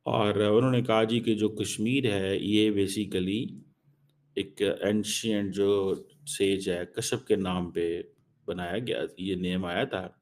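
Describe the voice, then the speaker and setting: A man giving political commentary in a halting way, mixing English phrases into his speech. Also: lowish voice, steady tone, a little mellow.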